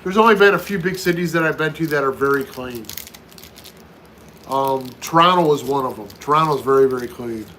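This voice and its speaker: A man's voice: mid-range voice, fairly quick, pushed and bright, slight background noise, poor audio. An American man in his fifties chatting casually on a live stream, answering viewer questions one after another and often repeating himself. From United States. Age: 50s. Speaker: livestream host.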